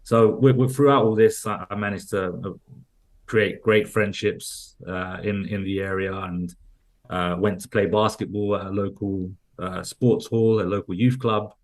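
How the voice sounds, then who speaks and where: A podcast guest from London speaks unhurriedly in a very low, steady voice with a London accent. His casual conversation wanders, circling back with frequent restarts and plenty of "like" and "you know."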